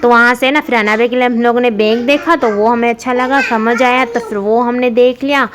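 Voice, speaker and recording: A young mother narrates her family vlog as a loose, chatty voice-over. She rambles through filler words and keeps breaking into giggles, and her voice sits a little high. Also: steady tone, a little fast, background noise.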